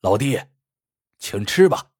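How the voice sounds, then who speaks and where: A man voicing a fat, scheming male shopkeeper who mocks and tests a blind customer, with a husky, teasing manner in a storybook tale. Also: on the low side, sing-song, slow pace, darkish tone, dry recording, clean studio sound, full character voice. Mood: mocking. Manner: sneering, teasing.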